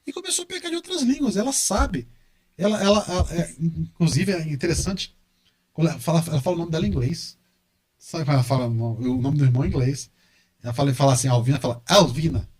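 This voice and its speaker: On a casual podcast interview, a Brazilian guest who works as a university professor and engineer talks fast in a higher-pitched voice. He's lively, and he doubles up on words to stress his points.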